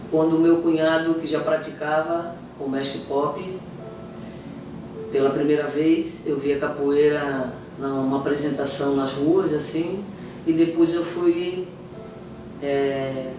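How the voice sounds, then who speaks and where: A middle-aged woman, a capoeira master reminiscing thoughtfully in an interview, with frequent restarts and tag questions. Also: deep voice. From Florianópolis, Brazil. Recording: very echoey room, distant mic, noisy background.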